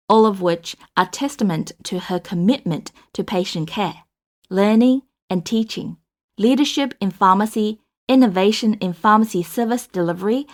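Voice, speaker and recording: A woman hosting a podcast, reading a formal, upbeat introduction and asking interview questions. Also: mid-range voice. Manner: upbeat, formal, reads from a script. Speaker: podcast host.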